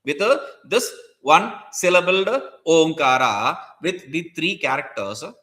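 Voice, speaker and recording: Animated man teaching scripture. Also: on the high side, unhurried. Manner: explains each Sanskrit term in English, chants verses. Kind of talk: scripture commentary lecture.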